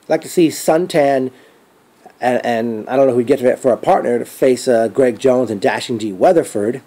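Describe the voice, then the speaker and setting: A man giving a casual spoken event recap as a fan, rambling and thinking aloud with trailing pauses. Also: medium pitch, mellow.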